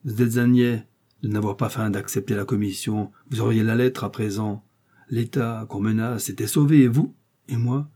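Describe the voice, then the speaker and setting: Brief: male reader as a scheming cloaked stranger, commanding, low and dark-toned. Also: steady tone, moderate pace, lightly acted. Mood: scornful.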